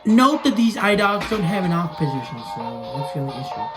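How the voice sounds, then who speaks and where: A young man with a high voice and big pitch swings talks fairly quickly and casually, narrating his own actions as he handles toys for a home vlog. He's a toy video creator recording in a small room at home, with music in the background, and the recording is noisy with clicks.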